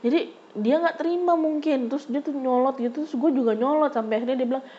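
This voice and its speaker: A young woman spins a casual personal story, her voice sitting a little high and springing higher still whenever she acts out a row. The recording is dull and lo-fi, with the top end rolled off. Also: fast. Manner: animated, jumps high when acting out arguments.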